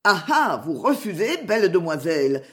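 A woman's voice: mid-range voice, very animated, unhurried, darkish tone. A woman doing a mocking bearded outlaw. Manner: mocking, boastful, menacing.

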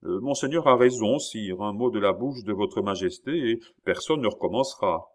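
Man voicing cold, unruffled duke minister, measured lines, audiobook. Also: on the low side, natural voice. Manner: calm, measured. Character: cool composed male duke minister, implacable.

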